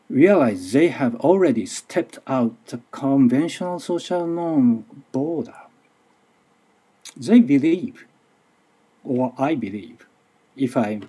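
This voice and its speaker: A middle-aged university lecturer from Japan gives a conference presentation in Japanese-accented second-language English. His voice sits in the mid range, dark and husky. He proceeds cautiously and somewhat nervously, with many restarts.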